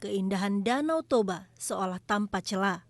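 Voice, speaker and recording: A female news reporter giving a measured, scripted narration for an investigative report. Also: mid-range voice, a little hiss or hum.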